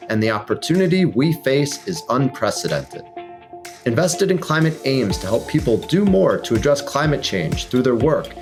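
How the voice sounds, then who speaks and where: A man hosting a climate podcast, reading his intro and asking interview questions in an upbeat way. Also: medium pitch. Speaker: podcast host.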